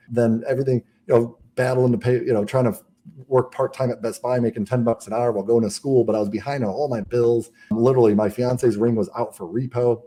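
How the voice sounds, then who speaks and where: A man's voice: medium pitch, mellow. A man who is a podcast guest, telling his own life story in casual talk, earnest and full of restarts. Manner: earnest, rapid, with frequent restarts.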